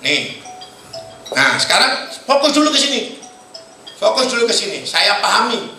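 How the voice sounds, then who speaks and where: A man with an East Javanese accent giving a motivational sales seminar in a hotel hall, quizzing the audience and bursting into shouts. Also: high voice, very animated, normal speed, faint music behind. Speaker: seminar presenter. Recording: very echoey hall.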